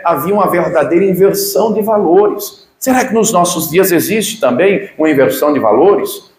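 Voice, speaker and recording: Emphatic Brazilian pastor preaching. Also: male voice, fairly high pitch, reverberant. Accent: Brazilian Portuguese. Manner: emphatic preaching with rhetorical questions. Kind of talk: sermon.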